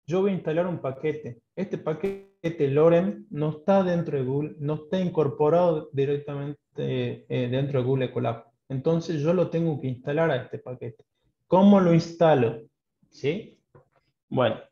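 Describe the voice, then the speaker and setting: A man with an Argentine accent from Salta teaches programming online, his gravelly voice warm and mellow. He explains step by step and keeps checking that his students follow. The sound is dull and roomy, like a class streamed from a home office. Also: a little high, measured pace. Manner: explains patiently, often checks in with a questioning "¿sí?".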